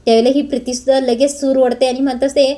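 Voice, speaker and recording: A woman narrating a TV serial episode recap in a steady storytelling manner, with frequent hesitation fillers. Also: high voice, very fast.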